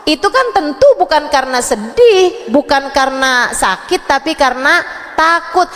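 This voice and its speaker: A high-pitched woman preaching to a women's study group, talking casually and teasing as she scolds. Her voice rings with a long echo through a large hall. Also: expressive, moderate pace, fairly bright tone. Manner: casual, scolding yet joking, acts out mothers and children. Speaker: Islamic preacher. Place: mosque or hall at a gathering.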